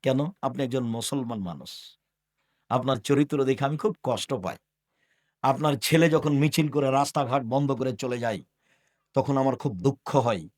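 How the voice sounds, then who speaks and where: A man's voice: medium pitch, normal speed. Older man preaching a scolding sermon. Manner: scolding, with rhetorical questions and sudden loud rises. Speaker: Islamic preacher.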